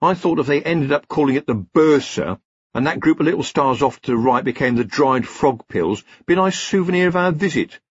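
A man's voice: fairly high pitch, lively intonation, a little fast, slightly rough, no echo, pitched above the performer's own voice. A man voicing a nervous, chatty wizard. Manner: chatty, evasive and wryly anxious. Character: nervous, wry male wizard. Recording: slightly dull, muffled recording.

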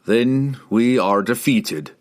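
A man's voice: mid-range voice, slow, lightly acted. A man reading aloud, voicing a blunt young male barbarian. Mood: dismayed.

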